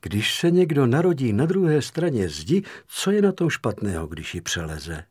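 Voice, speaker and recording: A man reading the part of a cheeky, meek young suitor in a storybook, in a wry, playful, breathy voice. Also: mid-range voice, big pitch swings, darkish tone, dry recording, studio quality.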